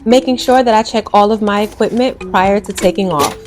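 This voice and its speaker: A woman's voice: medium pitch, fairly quick. An American woman narrating and explaining her work as a flight attendant in a vlog. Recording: music and vehicle noise behind.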